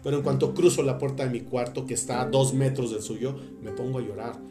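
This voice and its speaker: A man's voice: medium pitch, fairly even intonation, a little fast, roomy sound, over music. A man giving an earnest, intimate spiritual talk that speaks straight to the listener. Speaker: religious speaker.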